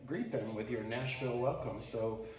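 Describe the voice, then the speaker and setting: On a live music venue stage, a man performs a comedic magic act, trading bawdy jokes with audience volunteers amid the crowd's laughter. His voice is medium-pitched, fairly even, a little mellow and at normal speed, captured with roomy, distant venue sound.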